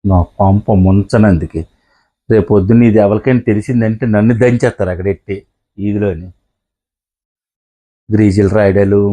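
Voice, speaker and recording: A middle-aged man playing a husband in a scripted comedy sketch, scolding his wife and grumbling to himself. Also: lowish voice. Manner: shouting and scolding, then muttering to himself.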